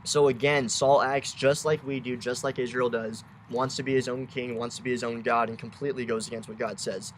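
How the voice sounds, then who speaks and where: A man's voice: medium pitch, fairly even intonation, a little fast, few pauses, a little hiss or hum, poor audio. A man leading a Bible study. He reads scripture aloud and then explains it in plain, casual asides.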